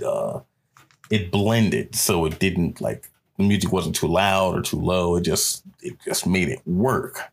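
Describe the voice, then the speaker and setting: A man's voice: deep voice, breathy edge. A man in a casual gaming chat who talks bluntly, teases and swears freely.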